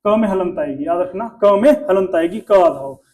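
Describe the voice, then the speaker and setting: A man's voice: high-pitched, expressive, normal speed, a little mellow. A male Hindi teacher, giving a classroom lesson and drilling pronunciation by asking the class questions.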